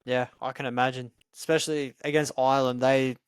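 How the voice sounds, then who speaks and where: A man interviews in a casual, conversational style, with a smooth, clear voice at medium pitch. He is attentive and colloquial as he hosts. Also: little pitch movement, brisk. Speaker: interviewer, host.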